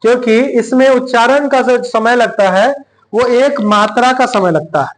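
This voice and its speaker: High-voiced man dictating a lesson. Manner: dictates slowly, repeating phrases word by word. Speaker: teacher. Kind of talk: classroom grammar lesson.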